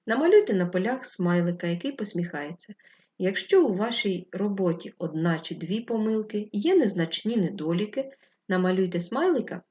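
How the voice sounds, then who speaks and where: A woman teacher giving a distance-learning lesson to first graders, dictating instructions slowly and clearly. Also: on the low side, darkish tone, highs cut off. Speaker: primary school teacher.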